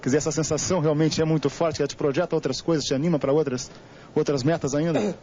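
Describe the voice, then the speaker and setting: A male TV sports reporter with a Brazilian Portuguese accent, asking brisk leading questions. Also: on the high side, fairly even intonation, darkish tone. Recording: lo-fi archive TV audio with faint hiss.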